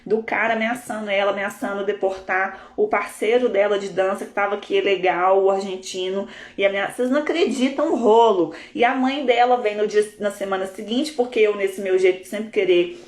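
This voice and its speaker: A Brazilian woman, a coach, telling a story in a live session in a lively, expressive way. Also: mid-range voice, a little fast. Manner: animated, expressive, laughs often. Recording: roomy echo.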